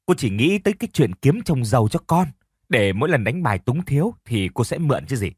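A man's voice: mid-range voice, very animated, a little fast, a little mellow, slightly rough, no echo, studio quality. A man voicing a young woman niece who argues back and then pleads in a told story. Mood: defiant. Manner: pleading, defiant, sobbing speech.

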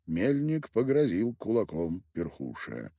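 Expressive male audiobook narrator, dry studio. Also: on the low side, unhurried, dry recording. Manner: expressive, varies voices.

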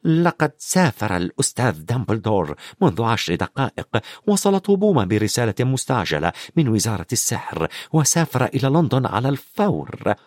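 A man's voice: medium pitch, sing-song, quick pace, a little mellow, dry recording, studio quality. A man voicing a stern older female teacher who speaks curtly and coldly. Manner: curt and cold.

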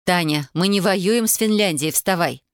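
A woman's voice: on the low side, normal speed, smooth, no room sound, close to an everyday voice. A woman reading an audiobook voices a stern middle-aged mother who scolds her daughters. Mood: scolding. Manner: scolding, commanding.

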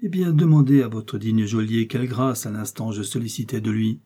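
A man's voice: lowish voice, moderate pace, mellow, breathy edge. A man reading aloud and voicing a scheming, seductive noblewoman prisoner who pleads with theatrical pathos. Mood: defiant.

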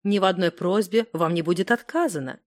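Courteous London gentleman, read by a woman. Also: mid-range voice, animated, a little fast, lightly acted. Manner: polite, gallant.

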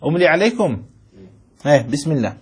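High-pitched husky guy teaching a class, keeps asking students if they get it, chants verses slowly so they can write. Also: very animated. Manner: asks the class questions and repeats points; chants rhyming lines slowly for dictation. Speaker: teacher of Islamic jurisprudence. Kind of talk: classroom lesson with dictation.

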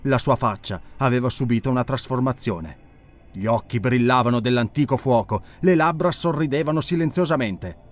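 A man reading an audiobook in a measured, expressive narration. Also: mid-range voice, soft background music. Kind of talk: scripted dramatic narration.

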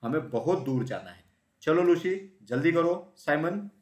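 A man's voice: a little high, lively intonation, measured pace, darkish tone, pitched above the performer's own voice. A man voicing a mother mouse who keeps hurrying her children along, calling out to them insistently. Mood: urging. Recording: roomy echo.

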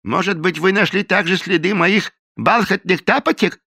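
A man voicing an impassive, sly male cook who answers calmly and deliberately, with mild mockery. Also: high-pitched, gravelly, dry recording, clean studio sound, voice pushed up, full character voice. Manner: calm, deliberate, mildly mocking.

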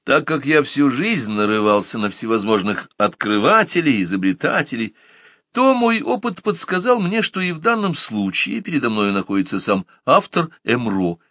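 A man reads a first-person story aloud as an audiobook narrator. His storytelling is expressive, and his pitch moves around a lot. The recording is dry, with no room echo. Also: normal speed.

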